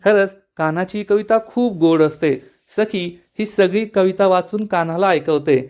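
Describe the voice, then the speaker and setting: A man's voice: sits high, normal speed, darkish tone, clean tone, lo-fi sound. A man retelling a TV serial episode as a plain, storytelling narration. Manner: plain storytelling narration, reads out the characters' lines.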